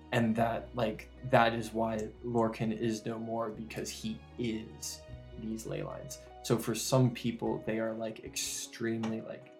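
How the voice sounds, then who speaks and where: A man's voice: on the low side, gravelly. A man narrating a tabletop game as game master, rambling with many fillers.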